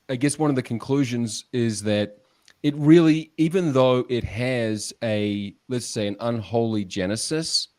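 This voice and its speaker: A man's voice: on the low side, darkish tone, no room sound. A man hosting an interview, asking long, hesitant questions and restarting them often. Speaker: podcast host, interviewer.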